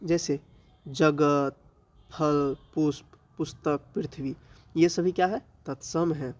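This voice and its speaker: A male teacher with a Bihari accent giving an exam-prep grammar lesson, listing items slowly and answering his own questions. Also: a little high, fairly even intonation. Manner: slow, drawn-out listing with rhetorical questions he answers himself.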